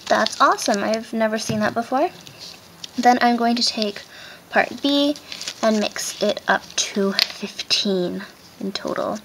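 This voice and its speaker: In a relaxed craft tutorial, the host talks a little slowly in a slightly high voice, describing each step as she works. Her face mask muffles the sound, and background noise and handling clicks come through clearly.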